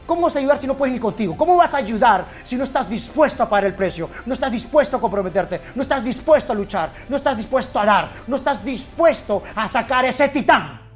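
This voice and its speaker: A man giving an impassioned motivational speech, swinging between loud bursts and hushed, intense lines. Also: very high-pitched, expressive, a little fast, few pauses, soft background music. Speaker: motivational speaker.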